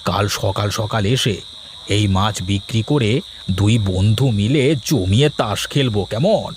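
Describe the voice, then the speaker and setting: A man's voice: on the low side, moderate pace, a little hiss or hum, close to an everyday voice. A man voicing a lazy young village husband who schemes to steal fish for card games. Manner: sly, plotting muttering. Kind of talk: cartoon voice acting.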